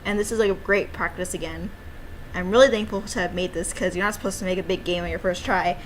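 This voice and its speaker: A woman streamer and amateur game developer rambles casually on a livestream, playful and prone to cutesy little exclamations. Her voice is lowish, fairly even, and quick. The recording is low quality, with clear background noise.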